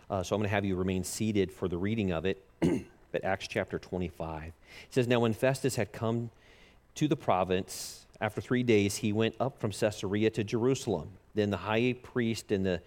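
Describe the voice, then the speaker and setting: A man preaching a sermon at a pulpit microphone, earnest and halting with frequent filler pauses. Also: on the low side, a little mellow. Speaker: pastor. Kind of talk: sermon with scripture reading.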